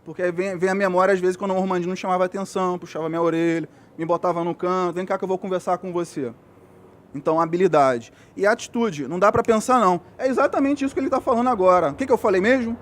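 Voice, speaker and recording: Speaking fast with few pauses, a Brazilian man delivers a motivational talk to a group of young athletes, earnest and insistent. He has a Brazilian Portuguese accent and a voice that is high for a man, and he repeats his key points while making sure his audience keeps up.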